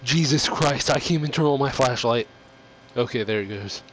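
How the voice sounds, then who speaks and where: A man's voice: mid-range voice, normal speed, a bit bright, slight background noise. A man hosting a casual let's-play, joking around and exclaiming as he plays a horror game mode. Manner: joking, exclaims and laughs often. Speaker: gaming channel host.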